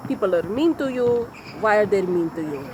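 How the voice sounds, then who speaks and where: A woman's voice: medium pitch, lively intonation, normal speed, background noise, close to an everyday voice. A woman voicing a stern female psychologist in a mock Russian-style accent, speaking blunt, clipped, broken English. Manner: blunt, commanding. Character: stern female clinical psychologist, middle-aged.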